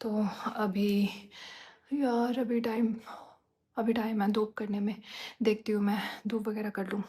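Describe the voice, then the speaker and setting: A young woman vlogging casually from home, telling stories in a chatty, animated way. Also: medium pitch, unhurried, long pauses. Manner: chatty, animated storytelling with Hindi-English mixing. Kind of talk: casual chat.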